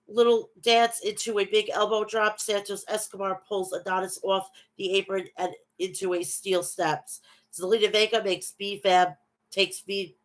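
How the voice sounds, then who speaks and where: With a nasal quality from a bad cold and stuffy nose, a woman hosts a casual wrestling recap, reading results and chatting with viewers. Her voice is medium in pitch and a bit bright.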